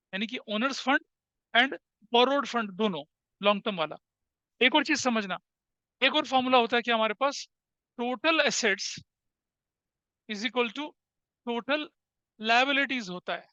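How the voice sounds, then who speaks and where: A man's voice: very high voice, sharp tone, no echo, lo-fi sound. A male commerce teacher lecturing a class, asking questions and answering them himself, with English terms mixed into his Hindi.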